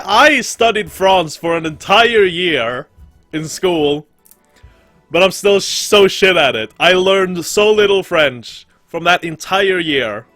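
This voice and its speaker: A man's voice: high voice, sharp tone, no room sound. A young man giving casual, rambling let's play commentary and swearing freely. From Sweden. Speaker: gaming streamer. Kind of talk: let's play commentary, reading game text aloud.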